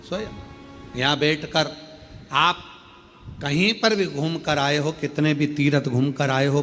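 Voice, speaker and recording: A male preacher from India giving a devotional sermon to a live crowd, repeating phrases for rhythm and stretching key words into high, drawn-out peaks. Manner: reads a devotee's letter aloud between remarks. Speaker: preacher telling a Shiva Purana katha.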